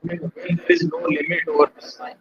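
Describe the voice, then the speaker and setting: A man's voice: on the high side, level tone, a little fast, dull audio, noisy background. A man giving an online lecture, explaining step by step, while his call audio keeps breaking up and glitching. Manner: explains step by step, asks "right?".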